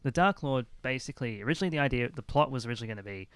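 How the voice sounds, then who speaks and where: A man's voice: medium pitch, expressive, very fast, clean tone, no room sound. A man hosting a casual podcast chat, rambling with many restarts. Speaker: podcast host.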